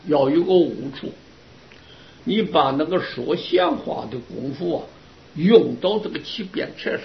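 A man delivers a Buddhist sermon to his students in a high, animated voice, his pitch leaping up and down as he tells stories. He keeps asking rhetorical questions and answering them. The sound is muffled and lo-fi. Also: measured pace, a little hiss or hum. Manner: lively storytelling with rhetorical questions. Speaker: Buddhist Dharma teacher. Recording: dull lo-fi recording.

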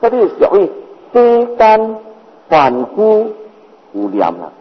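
An older man preaches a Buddhist sermon as a master, his Mandarin carrying a Hokkien accent. His high, breathy voice swings hugely in pitch at a slow pace, and he keeps repeating ideas and posing rhetorical questions, captured in a dull, echoing, lo-fi hall.

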